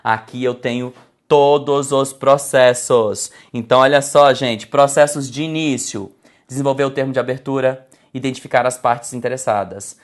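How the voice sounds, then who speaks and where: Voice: mid-range voice, steady tone, normal speed. An exam-prep instructor teaching an online slide lecture, speaking didactically, addressing the class as "gente", checking in with "tá?" and shifting intonation to illustrate points.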